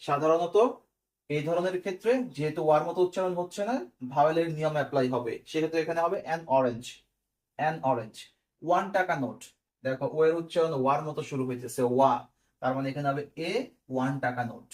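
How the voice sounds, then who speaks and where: A man's voice: a little high, fairly quick. Quizzing man teaching grammar. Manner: explains step by step, asks quiz questions and checks "clear?". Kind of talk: recorded online class.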